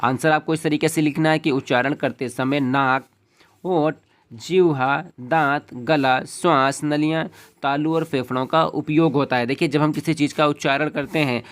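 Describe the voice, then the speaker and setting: A man's voice: on the high side, fairly even intonation, moderate pace, fairly bright tone, clear, resonant tone. A man teaching an exam-prep lesson in a step-by-step way, checking in with a short "okay" after each point.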